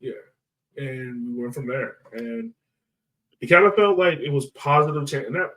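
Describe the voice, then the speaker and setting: At normal speed, a man with a fairly bright, mid-range voice hosts a casual soccer podcast from a little distance off the microphone. His tone is playful and joking, and he laughs a lot during the sports chatter.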